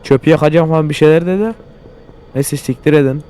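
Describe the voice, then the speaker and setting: A young man with a slightly high, smooth, mellow voice talks fast while hosting a let's-play for his gaming channel. His commentary is crude, full of constant swearing and exasperated outbursts.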